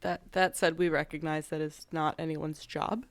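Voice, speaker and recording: A woman's voice: sits low, little pitch movement, moderate pace, no room sound. A woman co-hosting a casual podcast, joking and swearing freely and laughing through her words. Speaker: podcast co-host. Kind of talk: casual chat.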